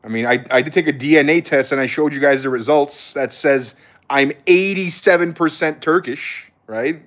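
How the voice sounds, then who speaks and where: This content creator, an American man, answers his livestream viewers' questions in a casual, blunt, slang-heavy way. He speaks at a normal speed with a fairly high, fairly bright voice.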